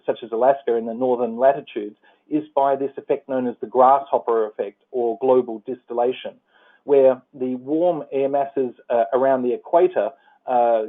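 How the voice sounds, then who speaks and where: An Australian man walks listeners through his slides on a conference call. His middle-pitched voice comes through a narrow, tinny phone line. He talks haltingly, filling pauses and restarting his sentences. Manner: halting, many fillers and restarts. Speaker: presenter.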